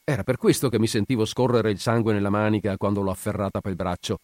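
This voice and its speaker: A man's voice: fairly low pitch, steady tone, fast talker, a little mellow, no room sound, close to an everyday voice. A man voicing a dutiful, plain-spoken police sergeant reporting in a respectful manner.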